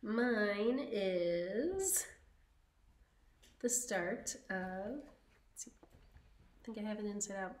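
A woman co-hosting a podcast, chatting casually and slowly about her knitting with frequent ums. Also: mid-range voice, echoey room. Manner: slow, chatty, many ums. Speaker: podcast co-host.

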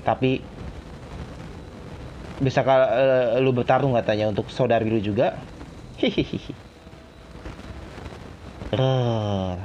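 A man casually reading and translating game dialogue, halting and correcting himself as he goes. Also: mid-range voice, steady tone, darkish tone, a little hiss or hum. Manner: halting, self-correcting delivery. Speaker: gameplay video host. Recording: dull lo-fi sound, music behind.

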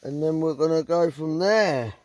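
This casual handheld vlog features a middle-aged man with a southern English accent, speaking bluntly and swearing freely as he rambles. He records on a phone at close range from a small tent in the woods at night. His pitch is fairly high, his pace moderate, and there's no echo.

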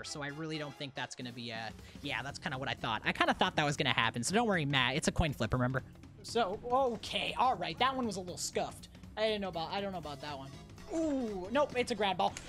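A woman's voice: fairly low pitch, fairly bright tone. A young woman commentating on her gameplay as an exasperated raging gamer, ranting and swearing heavily. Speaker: gaming streamer. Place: indoor room at home. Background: faint video game music.

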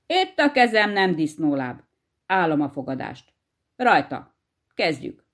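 A woman voicing a vain, boastful male hare in a storybook tale, calling out loud and cocky. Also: on the high side, expressive, voice pushed up, lightly acted.

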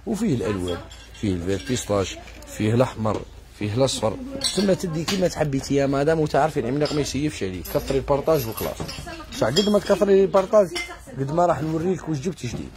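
A man with an Algerian Arabic accent giving a live sales pitch in his kitchenware shop, listing items and prices and addressing viewers as madam. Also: animated, rapid-fire. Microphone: phone livestream. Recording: noisy shop with clattering dishes.

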